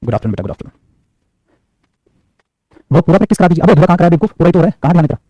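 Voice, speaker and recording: A man's voice: high-pitched, very fast, dry recording, highs cut off. A young man teaching a live online class in a chatty, teasing, scolding way. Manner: chatty, scolding, joking with students. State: sore neck. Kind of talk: casual live class talk.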